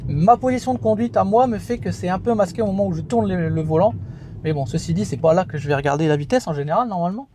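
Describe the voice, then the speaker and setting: High-voiced chatty man reviewing in a car. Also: lively intonation, fast talker, warm tone, slight background noise. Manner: chatty, many fillers and "hein". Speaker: car video host. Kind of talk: casual product review vlog. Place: inside a car, driving.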